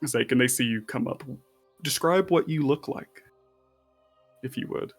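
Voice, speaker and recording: A man narrating as game master for a tabletop role-playing game, relaxed and rambling with fillers. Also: mid-range voice, normal speed, soft background music.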